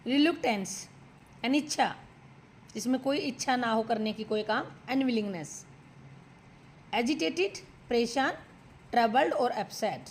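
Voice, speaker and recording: A woman teaching vocabulary at a very slow, deliberate pace, pausing after every word. Her voice sits a little high. A faint hiss of background noise runs under the recording. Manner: addresses students as "beta". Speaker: English teacher. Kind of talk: vocabulary lesson.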